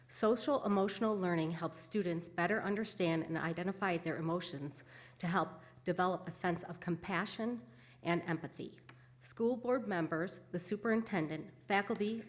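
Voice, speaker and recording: Woman, low register, measured and deliberate prepared statement at a forum. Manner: measured, listing points deliberately. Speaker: school board candidate. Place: city hall auditorium.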